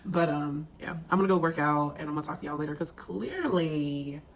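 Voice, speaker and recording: A woman's voice: low-pitched, a little fast, a little hiss or hum. A woman in her twenties talking to camera in a casual vlog. She is chatty and emotional, uses many fillers, and sometimes drops to a near whisper. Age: 20s. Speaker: vlogger.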